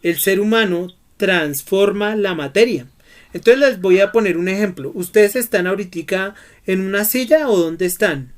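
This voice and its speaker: A man's voice: high voice, moderate pace. Male Bible teacher quizzing his students. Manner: asks students questions and prompts their answers. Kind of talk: Bible study lesson.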